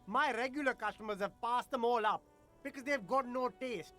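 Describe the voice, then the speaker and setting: Eager game street vendor, high voice, flattering market sales patter, bit of music behind. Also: female voice, moderate pace. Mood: flattering sales pitch. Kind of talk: video game voice acting.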